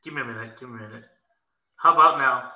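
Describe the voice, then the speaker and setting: A man's voice: mid-range voice, fast, narrow, tinny audio. A man calling in to a football fan stream in casual chat, his headset audio sounding like a cave with heavy echo. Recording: echoey headset call sound.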